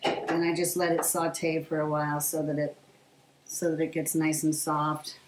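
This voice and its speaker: A middle-aged woman vlogger talks about her diet to a camera set a short distance away on her home kitchen counter while she cooks, rambling casually with plenty of fillers. Her low voice keeps a level tone at a moderate pace. The kitchen echoes, there's faint hiss, and food sizzles in a pan.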